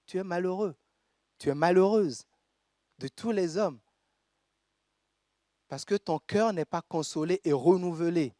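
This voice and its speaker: A man from Togo, preaching a sermon in a church and reading scripture aloud with measured pauses. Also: a little high, mellow, no room sound, studio quality. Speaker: pastor.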